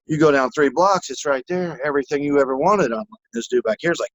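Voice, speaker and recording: Dude co-hosting a podcast, swears a lot, does little voices, kinda high-pitched, dead dry mic. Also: male voice, quick pace, no room sound, highs cut off. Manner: animated storyteller who acts out voices, swears freely. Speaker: podcast co-host. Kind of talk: casual podcast chat.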